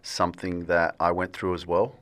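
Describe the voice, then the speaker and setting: A man hosts a podcast with a fairly low voice. His tone is bright and forceful. He encourages his guest along with steady affirmations in a casual chat. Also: moderate pace. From Australia. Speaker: podcast host. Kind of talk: casual interview conversation.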